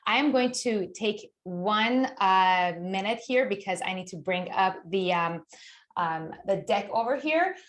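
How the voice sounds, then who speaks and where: A woman's voice: medium pitch, lively intonation, measured pace. Eager woman from Iran presenting a webinar. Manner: enthusiastic, explanatory, with many restarts. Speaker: guest speaker, author.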